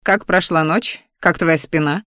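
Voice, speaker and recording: A woman's voice: deep voice, a little slow, a bit bright, no echo, clean studio sound. A woman reading the part of a nervous, earnest young man who is courting the heroine in a storybook. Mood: cheerful.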